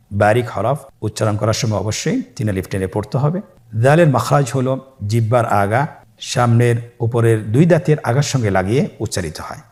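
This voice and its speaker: A man teaching Quran reading letter by letter in a recorded lesson, calm and patient, stretching each letter sound and asking listeners to repeat after him. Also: mid-range voice. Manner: calm, patient, with frequent pious interjections.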